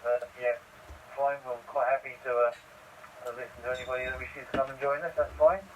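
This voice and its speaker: A man's voice: medium pitch, level tone, fairly quick, a little hiss or hum. A man with an Essex accent running an amateur radio net, chatting casually with many fillers. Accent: Essex English. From Essex, England. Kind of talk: amateur radio chat with call signs. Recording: distant, muffled radio transmission.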